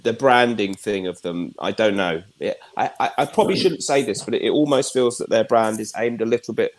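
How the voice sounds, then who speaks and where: A man's voice: lowish voice, brisk. Male guest, hesitant, apologetic, video call. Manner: hesitant, apologetic, many fillers. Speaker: guest reviewer. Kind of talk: casual group chat.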